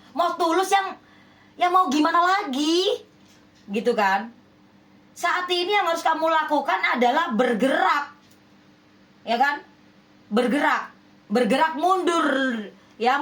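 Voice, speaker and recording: Woman, high voice, spiritual reader; speaks to the viewer with emphasis, scolding and persuasive. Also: expressive, a little slow, long pauses, a bit bright. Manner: emphatic, repeats rhetorical questions like "ya kan?". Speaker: spiritual healer giving love readings. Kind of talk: direct address to viewers, relationship reading.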